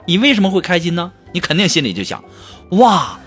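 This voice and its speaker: A man's voice: high voice, sing-song, racing, a bit bright, slightly rough, soft background music. A man hosting a comedy show, telling self-mocking jokes in a chatty way and often laughing as he talks. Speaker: comedy radio host. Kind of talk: comic storytelling monologue.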